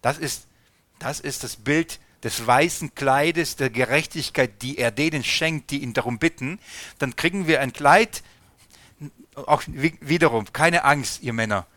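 A man with a bright, forceful voice preaches a conversational sermon. He keeps asking his listeners questions and calls them friends. The sound is dry and close. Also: medium pitch, a little slow, no room sound. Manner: lively, asks the audience questions and addresses them as friends.

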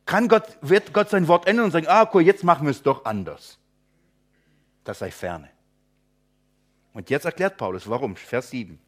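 A male pastor works through a Bible passage verse by verse, in a slightly higher-than-usual voice. He keeps throwing rhetorical questions at his listeners and now and then acts out imagined objectors. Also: expressive, normal speed, long pauses. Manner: rhetorical questions to listeners, addresses them as friends.

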